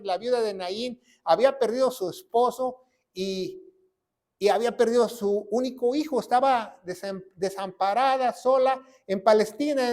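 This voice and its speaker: A pastor with a notably high voice preaches a sermon, tagging his points with rhetorical questions. Now and then he lifts into sudden, loud emphasis.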